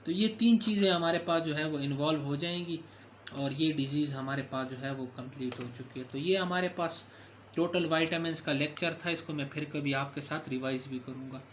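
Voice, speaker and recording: A man's voice: fairly high pitch, normal speed, a bit bright, slight background noise. A man giving a recorded medical lecture, explaining step by step with frequent fillers and self-corrections.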